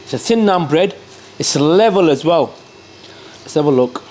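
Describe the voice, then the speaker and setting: A man's voice: fairly high pitch, expressive, normal speed, darkish tone. A man giving a casual food review to camera, talking between bites and chatting to his cameraman. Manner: repeats catchphrases and addresses the cameraman. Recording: clear background noise.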